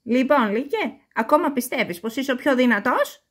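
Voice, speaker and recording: A woman's voice: a little high, animated, fairly bright tone, pitched above the performer's own voice. A woman voicing a protective mother goat who scolds the wolf. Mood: scolding. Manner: scolding and challenging.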